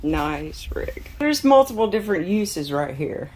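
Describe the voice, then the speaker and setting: A vlogger touring RVs gives a casual walkthrough commentary inside a small camper trailer. Her voice is fairly low, sing-song and measured, with a darkish tone. Background noise and room ambience are clearly audible.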